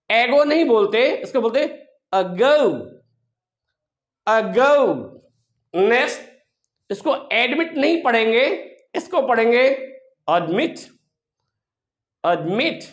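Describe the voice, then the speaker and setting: A man's voice: extremely high pitch, a bit bright, roomy sound. A male English teacher giving a classroom pronunciation lesson, asking rhetorical questions and repeating each sound as a drill.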